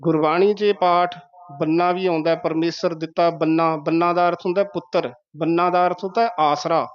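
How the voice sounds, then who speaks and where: Man teaching pronunciation, clear voice. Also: a little high, steady tone, muffled recording. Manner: slow, patient, spells out syllables. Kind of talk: pronunciation lesson.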